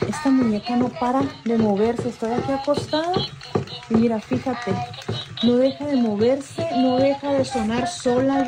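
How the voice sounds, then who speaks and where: Filming on her phone camera in her bedroom at night, a nervous homeowner records what she believes is a haunting, anxiously repeating herself and asking who is there. Her voice is on the high side, and the reverberant audio is poor.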